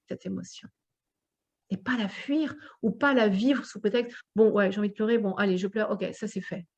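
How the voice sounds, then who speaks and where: A woman's voice: fairly high pitch, a little mellow. A woman coach leading a group session, talking expressively and acting out her inner voice. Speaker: personal development coach.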